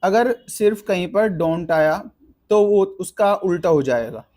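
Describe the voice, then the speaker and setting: A man teaches a vocabulary lesson in a somewhat high voice. He explains patiently, spells words out letter by letter, and links each one to an easy memory trick. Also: expressive, a little slow, a little mellow.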